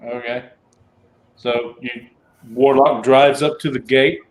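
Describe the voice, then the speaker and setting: A man's voice: medium pitch, fairly even intonation, takes it slowly. Man running a casual tabletop game. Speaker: game master.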